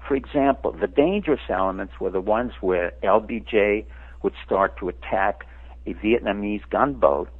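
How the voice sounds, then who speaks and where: A man's voice: lowish voice, normal speed. A man in his seventies who grew up in France, a radio interview guest lecturing in an emphatic way. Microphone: phone. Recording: tinny phone line.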